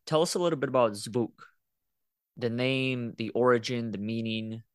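A man hosting a podcast interview, speaking in a measured, reflective way. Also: medium pitch, clean tone, dry recording. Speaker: podcast host. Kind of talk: casual interview talk.

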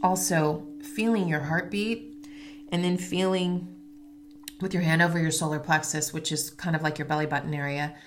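A podcast host and meditation guide speaks in a low-pitched, steady voice at a moderate pace, slightly congested after an illness. She hosts unscripted, mixing instructive guided breathing with casual personal chat, and there's slight background noise.

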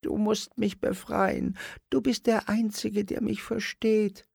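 A man's voice: sits high, level tone, slow, gravelly, a little mellow, husky, no echo, clean studio sound, pitched above the performer's own voice, full character voice. A man voicing a small, homesick forest gnome puppet who pleads in a trembling little voice. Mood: pleading. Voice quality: small shaky voice.

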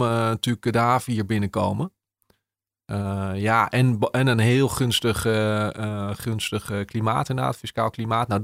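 Gravelly-voiced man, halting and thoughtful. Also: fairly low pitch, fairly bright tone, no room sound, clean studio sound. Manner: hesitant, many restarts and fillers. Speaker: journalist discussing his article. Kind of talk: conversational podcast interview.

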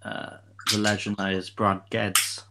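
A man with a lowish voice talks through his podcast topic casually, often stopping to restart his sentences. He keeps dropping in fillers as he thinks. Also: little pitch movement, a little slow, heavy background noise. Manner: hesitant, many restarts and fillers. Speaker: podcast co-host. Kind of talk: casual chat.

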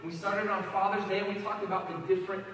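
Pastor guy cracking jokes at his congregation, bright voice, long hall echo, faint room hum. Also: sits high, flat delivery, quick pace. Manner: folksy, joking, talks to the congregation. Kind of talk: sermon. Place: church hall. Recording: echoey hall, mic at a distance.

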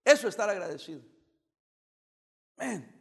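A pastor from El Salvador giving a joking, teasing sermon with bursts of emphasis. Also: male voice, sits high, big pitch swings, moderate pace, creaky, long reverb tail.

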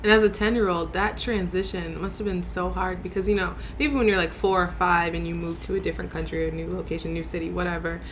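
A woman interviews a guest in easy conversation, her voice on the low side. She is friendly and quick to react, with a faint hiss in the background. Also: fairly even intonation.

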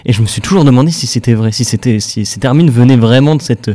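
A man's voice: mid-range voice, quick pace, dark tone. A man from Normandy, a radio co-host, chatting and asking curious questions in a joking way. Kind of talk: casual radio chat.

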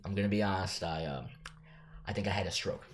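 A man's voice: deep voice, quick pace, a little hiss or hum, pitched below the performer's own voice, close to an everyday voice. A man playing a flustered team general manager who rambles defensively and blows up in anger. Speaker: podcast co-host.

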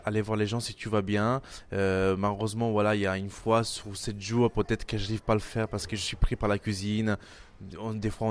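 Speaking in a low pitch, this Milan-raised Italian man in his twenties, a chef who owns a restaurant, gives casual interview answers. He hesitates often, filling gaps and starting sentences over.

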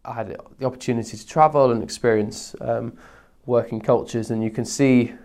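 A man's voice: medium pitch, steady tone, fairly quick, a little mellow. A man answering interview questions conversationally as a guest, hesitant and often repeating words as he searches for phrasing.

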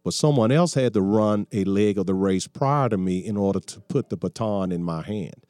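A man's voice: lowish voice, animated, normal speed, mellow, clean tone, no room sound. A man in his sixties hosting a call-in talk radio show, folksy and preachy, often restarting his sentences. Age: 60s.

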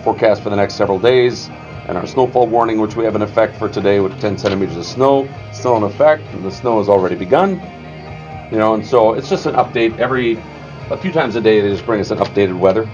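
Chatty radio host, low voice. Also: male voice, fast talker, a little mellow. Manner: talkative, loose, lots of fillers and restarts. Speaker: radio morning show host. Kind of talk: casual explanatory chat. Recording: slightly dull lo-fi sound with faint music.

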